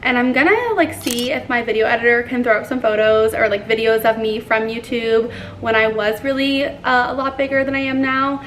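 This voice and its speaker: A woman's voice: on the high side, fairly even intonation, a little fast, hardly any pauses, fairly bright tone, slight background noise. A woman in her twenties talking earnestly in a casual confessional vlog, full of "like" fillers. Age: 20s. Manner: chatty, filler-heavy with frequent "like"; earnest, apologetic. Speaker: YouTuber.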